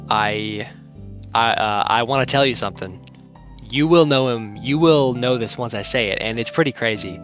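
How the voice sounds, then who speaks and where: A man's voice: medium pitch, normal speed, fairly bright tone, faint music behind. A young man co-hosting an anime review podcast, rambling in casual chat with lots of filler words. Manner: rambling, heavy use of "like" fillers. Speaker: podcast co-host.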